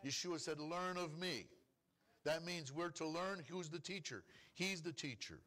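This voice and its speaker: A man preaches to his congregation as their rabbi. His voice sits a little high. He fires off rhetorical questions and slips into pleading, complaining prayers to make his point. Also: a little slow, sharp tone. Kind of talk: sermon. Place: congregation hall.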